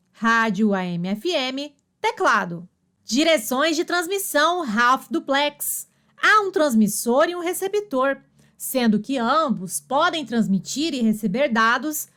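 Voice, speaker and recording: A woman's voice: sits high, fairly bright tone. A woman reading study notes as scripted narration, saying terms and examples in short phrases.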